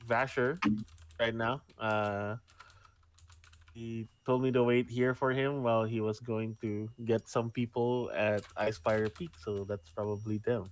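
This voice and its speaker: A man playing a tabletop game, describing his character in a hesitant, halting way. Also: mid-range voice, little pitch movement. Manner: hesitant, halting, thinking aloud. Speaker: player.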